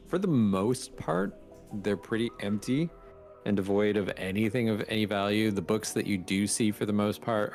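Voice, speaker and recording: Young male game master, low unhurried voice, halting casual narration. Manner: relaxed, halting narration with many ums. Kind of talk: narrating a tabletop game on stream.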